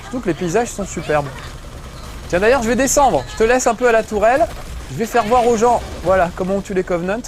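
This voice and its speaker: A man's voice: high voice, fast, soft background music. A middle-aged man giving joking, chatty commentary while playing a video game, swearing casually. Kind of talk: gameplay commentary.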